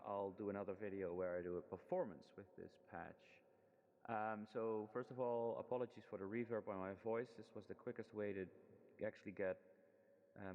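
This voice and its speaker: A student presenting a final project walks through a casual screen demo in a fairly low, relaxed voice, hesitating with frequent ums and restarted sentences. Heavy reverb makes him sound as if he's in a large hall, and the audio is dull and lo-fi.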